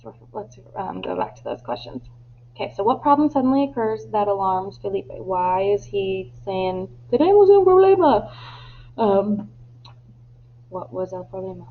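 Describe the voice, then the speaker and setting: A woman's voice: mid-range voice, unhurried, creaky. A woman teacher reading a story aloud and explaining it with patient fillers. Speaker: Spanish teacher. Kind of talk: recorded classroom lesson reading. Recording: tinny phone-like line with faint hum.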